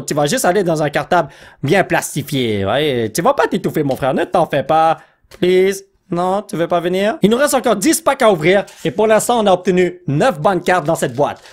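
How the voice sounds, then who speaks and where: A young man with a Québécois French accent, opening trading card packs in an excited vlog, shouting and laughing at his pulls and dropping English words into his talk. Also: sits high.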